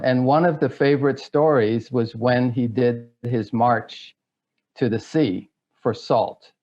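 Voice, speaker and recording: A man's voice: mid-range voice, a little mellow, lo-fi sound. A middle-aged man from Guyana, answering interview questions in a hesitant way, with many fillers and restarts. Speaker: guest.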